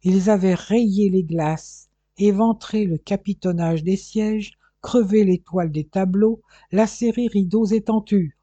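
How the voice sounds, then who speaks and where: An audiobook narrator gives a steady, measured reading of a detective novel. Though high-pitched, his voice sounds very dark and somewhat husky, and the lo-fi recording is dry and close, with no room sound.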